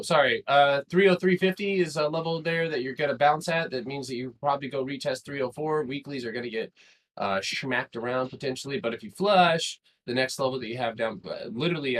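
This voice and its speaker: A man hosting a live stock trading stream, talking in excitable bursts with frequent swearing. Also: medium pitch. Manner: excitable, swears and laughs, talks fast in bursts.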